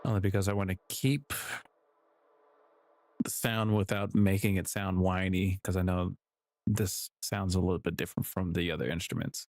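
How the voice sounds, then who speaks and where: A man's voice: sits low, steady tone, moderate pace, a little mellow, no echo. A man casually talking to himself while building music samples, rambling and correcting himself with small chuckles. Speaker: music producer streaming his work. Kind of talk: casual commentary while working.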